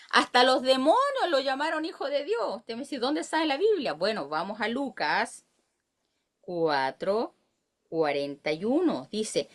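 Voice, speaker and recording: Animated Chilean woman teaching scripture. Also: mid-range voice. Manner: animated, asks the listeners questions and reads verses aloud. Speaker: Bible teacher. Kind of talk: Bible study teaching.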